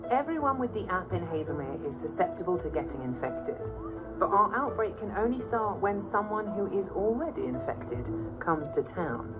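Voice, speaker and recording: Woman, British accent, documentary narrator, lowish voice, measured, music underneath. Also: sing-song, low-quality recording. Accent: British English. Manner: clear, measured explanatory delivery. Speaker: documentary presenter.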